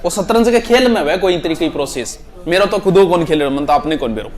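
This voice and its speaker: High-voiced man with a Rajasthani accent, teaching. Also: animated, a little fast. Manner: chatty, repeats each proverb, mixes local dialect, jokes with the class. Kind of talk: classroom lecture explaining proverbs. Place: classroom.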